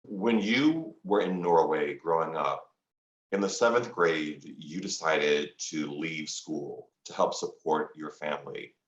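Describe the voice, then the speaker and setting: A man hosting an interview podcast, asking questions in a measured, affirming way. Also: a bass voice, echoey room, muffled recording. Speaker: podcast host.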